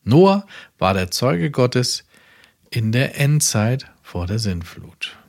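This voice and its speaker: A man's voice: medium pitch, big pitch swings, slow pace, darkish tone. German man reading a sermon. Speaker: preacher.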